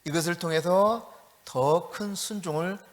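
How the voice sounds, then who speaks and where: A man preaching a sermon as pastor, telling a story in a lively way and acting out the quoted voices. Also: sits high, a little slow, big-room sound. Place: church sanctuary.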